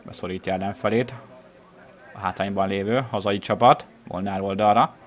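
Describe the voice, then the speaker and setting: A man with a fairly low voice calls a football match live from the ground outdoors. His play-by-play stays measured and descriptive, lifting into excitement whenever a chance develops. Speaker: football commentator. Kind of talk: live match commentary of amateur regional football.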